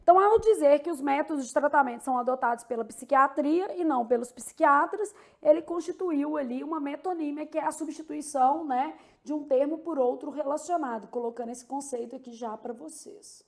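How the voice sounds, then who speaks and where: A woman's voice: high-pitched, brisk, vocal fry, hardly any pauses, a little mellow. A woman with a Brazilian Portuguese accent teaching an exam-prep Portuguese lesson, explaining step by step and checking in with "tá?" and "né?".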